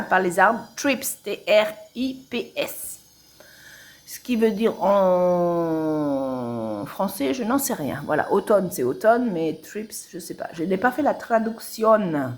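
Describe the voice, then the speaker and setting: A woman casually showing her cross-stitch projects at home, talking in a rambling way with many hesitations. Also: medium pitch. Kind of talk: casual show-and-tell chat. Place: home, washing machine spinning nearby.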